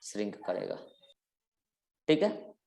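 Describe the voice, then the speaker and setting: In a roomy, echoing classroom, a man leads a live, interactive biology lecture, quizzing students and stretching out key words for emphasis. His fairly low voice is sing-song, slow, creaky, and mellow.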